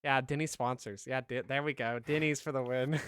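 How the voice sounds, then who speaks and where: A man's voice: mid-range voice, fairly even intonation, fairly quick, fairly bright tone, clear, resonant tone. A man running a tabletop game as game master, chatting to players and viewers. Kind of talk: narrating a tabletop game over a call.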